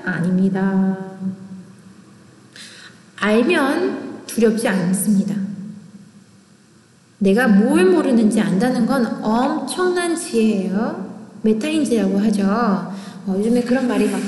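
Woman teacher, online lecture, talky and animated, asks herself stuff, echoey room. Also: on the high side. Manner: lively, chatty, asks and answers her own questions. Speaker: English pronunciation teacher. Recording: echoey room with long reverb.

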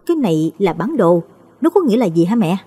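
A woman's voice: mid-range voice, big pitch swings, brisk, warm tone, slightly rough. A woman doing an anxious questioning young woman. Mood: puzzled. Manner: questioning, urgent.

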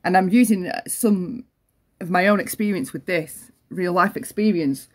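A woman's voice: lowish voice, normal speed. Earnest woman commentator. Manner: earnest, repeats points, tags sentences with "right?". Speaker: commentary channel host. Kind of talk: opinion commentary monologue.

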